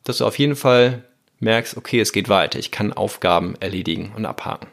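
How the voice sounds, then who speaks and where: A man's voice: lowish voice, fairly quick, vocal fry. A man hosting a motivational self-help podcast, talking earnestly and directly to the listener. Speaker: podcast host.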